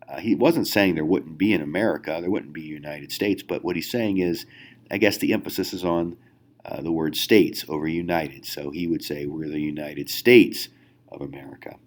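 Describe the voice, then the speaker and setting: A man with a low voice teaches a history class. He talks casually, with plenty of fillers and asides to his students, and often checks in with a questioning "right?". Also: moderate pace. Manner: conversational, many fillers, rhetorical questions. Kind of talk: recorded classroom lecture.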